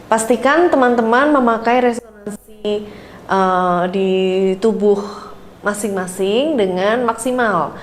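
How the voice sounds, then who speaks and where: A woman vocal coach giving an online singing lesson. She speaks to learners in a friendly way with many "eh" fillers, and between explanations she sings scales and warm-up syllables. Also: a little high, slow pace.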